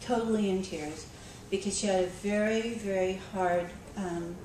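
In an unhurried, darkish, mid-range voice with fairly even intonation, a woman school librarian tells a story at a conference. Her talk is conversational, with frequent ums and restarts. It was recorded at a distance in an echoey conference room with background noise.

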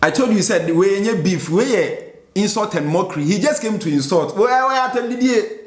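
A man with a Ghanaian accent hosting a music reaction, excitable, breaking into exclamations and slowly repeating lines to explain them. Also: high-pitched. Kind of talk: reaction commentary. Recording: roomy echo.

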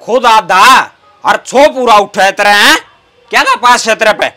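A young man acts out a brash Haryanvi bus conductor in a comedy sketch. His voice is very high for a man and bright, with a forceful edge. He talks in a scolding, sarcastic way, full of mockery. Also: a little slow, full character voice. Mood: mocking, irritated. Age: young adult. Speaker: comic actor. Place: inside a parked bus.

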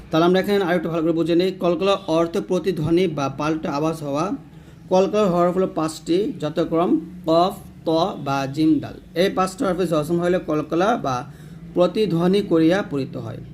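Brief: male tajweed teacher, slightly high voice, patient, drills syllables one by one. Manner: patient, repeats rules and drills syllables slowly. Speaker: Quran recitation teacher. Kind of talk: tajweed lesson, spelling out letters.

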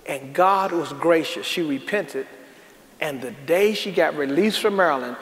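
A man's voice: a little high, unhurried, fairly bright tone. A man preaching a sermon as pastor, folksy, calling out to the congregation and rising into emphatic bursts. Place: large church sanctuary. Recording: echoey church hall with faint noise.

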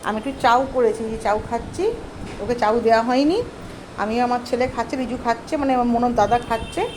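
High-voiced woman coaxing her pet. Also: steady tone, quick pace, noisy background. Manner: fond, coaxing baby talk to her pet. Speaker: vlogger talking about her pet. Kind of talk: casual vlog narration. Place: home, indoors.

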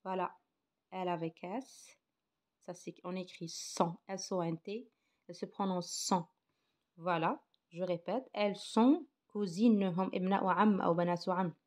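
A woman's voice: on the low side, steady tone, normal speed, darkish tone. A woman teaching a primary school grammar lesson, hesitant with many fillers, switching between French and Arabic to explain. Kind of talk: recorded grammar lesson for children.

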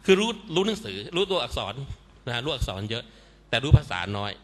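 A man's voice: mid-range voice, big pitch swings, quick pace. A man speaking as a guest at a panel discussion, explaining his views critically and emphatically. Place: seminar stage in a hall. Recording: echoey event hall.

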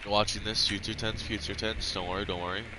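A man's voice: lowish voice, flat delivery, a little fast, noisy background. A young man giving laid-back, mumbled gameplay commentary while playing, dropping slang as he goes. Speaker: gamer streaming his match.

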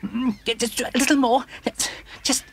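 A man's voice: very high voice, fairly even intonation, moderate pace, gravelly, a bit bright, slight background noise, exaggerated voice. An actor voicing a nervous, stammering young male womble in glasses in a cartoon. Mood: flustered. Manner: stammering, fretful. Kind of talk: cartoon voice acting.

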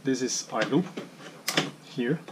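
Slowly and calmly, a middle-aged man with a medium-pitched voice and non-native phrasing takes viewers step by step through the simulator cockpit he built in his home workshop. It is a hands-on demonstration recorded on the camera mic with him off screen, clear apart from background noise.

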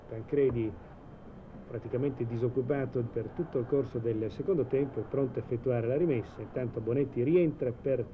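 A man giving measured live football commentary in a 1980s TV broadcast style, hesitating now and then mid-sentence. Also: mid-range voice, narrow, tinny audio. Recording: old TV broadcast, steady stadium noise.

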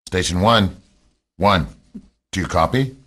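In a radio drama, a man voices a stern captain commanding a covert team, his voice extremely deep and rough-edged. He gives terse, firm orders in an expressive, full character voice, a little slow and a bit bright, with a firm, commanding mood.

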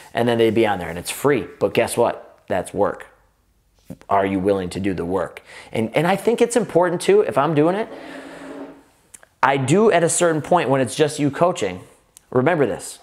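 Energetic Midwestern man giving gym business advice. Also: mid-range voice. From United States. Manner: energetic, run-on sentences with frequent restarts, gestures with both hands. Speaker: gym owner and fitness business coach. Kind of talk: direct-to-camera business advice. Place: indoor office room with dark walls, seated at a table.

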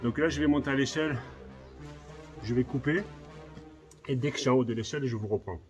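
Music runs behind a muffled recording of a man in his 30s, a hornet nest exterminator who vlogs while working outdoors on rooftops and in narrow village streets. Speaking fairly quickly at a medium pitch into a phone held at arm's length, he chats casually and repetitively, directly to his viewers.

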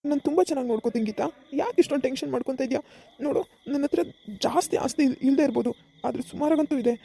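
A woman's voice: high-pitched, creaky, noisy background. A woman playing a young village husband who scolds his wife, then coaxes her to get up, in a comic village skit. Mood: coaxing. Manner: brisk, scolding, then coaxing.

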